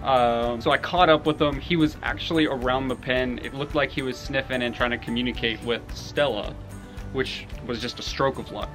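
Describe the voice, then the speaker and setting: A young man casually telling a story about his homestead, animated and laughing at times. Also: mid-range voice, normal speed, music in the background. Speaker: homestead vlogger.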